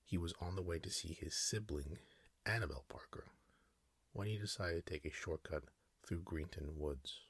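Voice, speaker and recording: A man tells a sleep story in a soft, slow ASMR whisper. His voice sits very low and husky. The sound is close and dry. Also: no echo.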